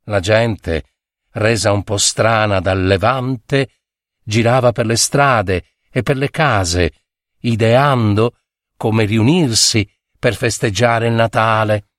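A man narrating a literary short story in a measured, expressive reading on a close mic. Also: lowish voice, dry recording. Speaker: audiobook narrator.

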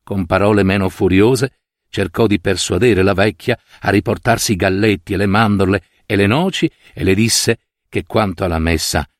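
A man reading a literary short story aloud with expressive, dramatic storytelling. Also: on the low side, moderate pace, dry recording, clean studio sound. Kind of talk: literary audiobook narration.

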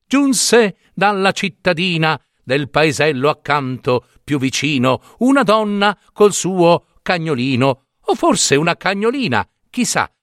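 A man's voice: on the high side, very animated, measured pace, few pauses, fairly bright tone, no room sound, studio quality. A man reading a story aloud in a comic style, full of digressions, joking asides and self-corrections.

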